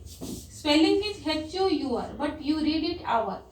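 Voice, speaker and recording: A woman's voice: high-pitched, unhurried. A woman with an Indian English accent teaching a grammar lesson to children, spelling words out letter by letter. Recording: roomy, distant mic, faint background hum.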